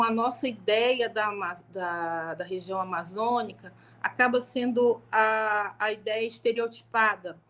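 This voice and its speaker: A middle-aged woman from Rio de Janeiro with a carioca accent softened by years in Manaus, a law professor telling her story in a conversational live stream with many fillers and restarts. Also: medium pitch. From Rio de Janeiro, Brazil. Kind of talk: live-stream talk, personal testimony. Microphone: home live stream.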